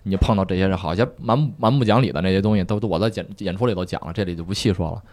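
A young man, a guest on a podcast, telling his own stories in a soft, relaxed way with many small restarts. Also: deep voice, very fast, no room sound. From China. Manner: soft-spoken, relaxed storytelling with frequent restarts. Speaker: guest, police officer. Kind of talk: casual podcast chat.

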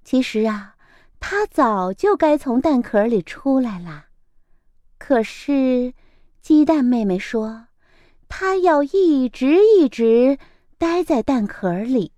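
A woman hosting a children's story program, reading a picture book aloud in a gentle, expressive way. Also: sits high, slow pace, no room sound. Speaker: storyteller host.

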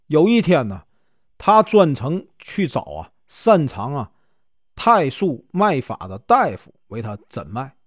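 A man's voice: fairly high pitch, no room sound, clean studio sound. A man with a Northeastern Mandarin accent narrating a classic tale, stretching phrases with filler particles. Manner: drawn-out filler particles, lively storytelling. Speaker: storyteller. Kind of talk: storytelling narration.

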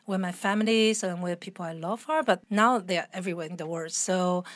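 Her voice sits on the low side and she talks quickly, a guest with a mixed international accent in a conversational interview. Earnest and reflective, she lays out her ideas expressively. There is very little room sound in the dry recording.

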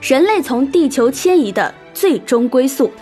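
A woman's voice: sits high, lively intonation, normal speed, warm tone, soft background music. A woman playing a chirpy TV co-host. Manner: chirpy, asks prompting questions. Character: eager female TV co-host. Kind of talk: audio drama acting.

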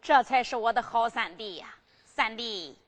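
A woman's voice: fairly high pitch, moderate pace, long reverb tail, close to an everyday voice. A woman playing an emperor who coaxes and persuades his hot-tempered sworn brother in a storytelling performance. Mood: persuasive, insistent. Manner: coaxing, persuasive, pleading. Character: scheming, coaxing male emperor, older sworn brother.

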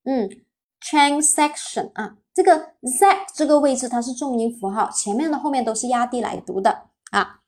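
A woman's voice: on the high side, moderate pace, darkish tone. A woman teaching English vocabulary on a live stream, spelling words letter by letter, asking her students questions and praising them often.

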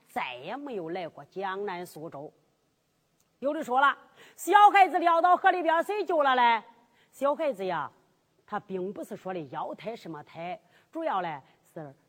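A woman's voice: medium pitch, sharp tone, husky, in a large hall. A woman narrating a drum-ballad story in a dramatic sing-song way.

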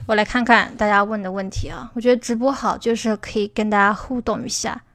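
A woman's voice: on the high side, fairly even intonation, brisk, fairly bright tone, no room sound. A woman teaching English speaking on a casual livestream, chatty and emphatic, answering viewer questions as they come in.

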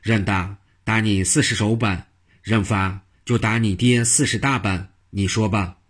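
A man voicing a joking, mischievous old monk in a spoken storybook, with a husky, low voice and a teasing, playful manner. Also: steady tone, a little slow. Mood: mock stern.

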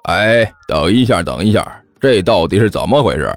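Brief: nosy middle-aged male bystander, voiced by a man, low and puzzled. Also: very animated, normal speed, no echo, soft background music.

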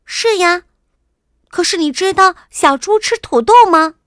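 A woman voicing a stubborn, excited little princess, shrill and loud in a children's storybook. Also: unhurried, no echo, clean studio sound. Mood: defiant. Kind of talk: storybook character voice.

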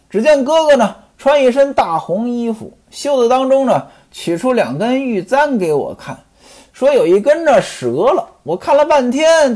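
Brief: a gossipy middle-aged male hanger-on, chatty and uneasy, lively pitch, played by a storyteller.

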